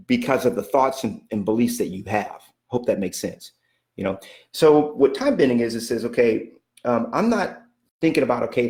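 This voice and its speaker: Preachy coach guy, warm low-key tone, keeps saying okay, roomy echo. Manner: emphatic and repetitive, stacks up "okay?" checks; preacherly, speaks of God and the Holy Spirit. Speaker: real estate coach. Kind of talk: motivational teaching talk.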